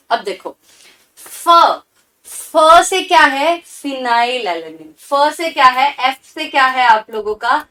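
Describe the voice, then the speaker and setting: Brief: high-pitched female teacher, call-and-response drill, urging, encouraging. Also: sharp tone. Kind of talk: exam-prep lecture with drill.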